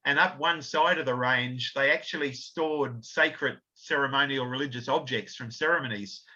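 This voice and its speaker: An author and researcher gives an illustrated history talk, explaining his slides with fillers and self-corrections. He has a pushed, bright mid-range voice at a moderate pace, captured in slightly dull lo-fi audio.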